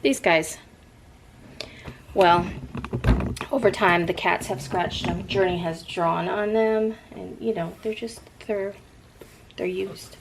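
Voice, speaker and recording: A woman's voice: mid-range voice, slow, creaky, pauses often, background noise. A middle-aged woman vlogger chatting casually in a rambling way, drifting off and picking the thread back up.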